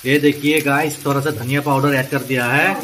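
A man with an Assamese accent cooks at home for his vlog and talks the viewer through each step with loud enthusiasm. His voice sits at an ordinary middle pitch, and a clear hiss of background noise runs under it. He keeps exclaiming about the smell and the taste. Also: fairly even intonation, a little fast, low-quality recording. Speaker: cooking vlogger. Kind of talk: casual cooking vlog. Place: home kitchen. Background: food sizzling and frying.

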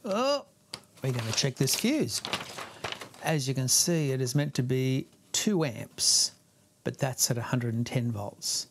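A man's voice: medium pitch, unhurried, noisy background. A man working through a guitar amp repair as a hands-on tutorial, explaining each step in a chatty way with some self-deprecating humor.

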